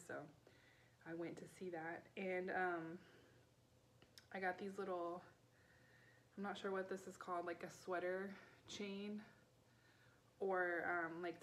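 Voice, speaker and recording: Speaking at a very relaxed pace in a slightly low voice, this thirtysomething vlogger and online vintage reseller talks through a casual haul. The recording is homemade, made indoors in her small living room, and room noise is clearly audible.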